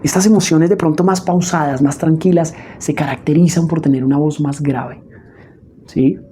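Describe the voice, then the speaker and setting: A woman teaching public speaking in a spoken lesson, expressive and often checking in with her listeners. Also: deep voice, moderate pace, slight background noise. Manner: expressive, demonstrates emotions with her voice; frequent checking "¿sí?" asides.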